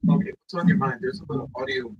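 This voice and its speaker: A man's voice: mid-range voice, fairly quick. A male livestream host whose words come back as a delayed echo from a caller's second device. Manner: repeats his own earlier sentences with a delay. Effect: echo of his own voice played back from a caller's second device. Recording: muffled, husky echo through a phone.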